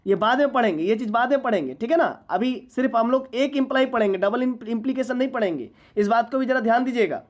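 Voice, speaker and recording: A woman teaching a university maths class, lecturing patiently and often asking whether students follow. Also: on the high side. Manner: patient, checks understanding often.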